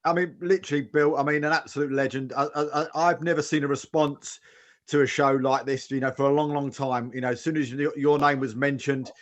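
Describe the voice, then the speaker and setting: A man's voice: mid-range voice, level tone, a little fast, dull audio. A man hosting a casual chat show, effusive and inclined to repeat himself. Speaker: show host.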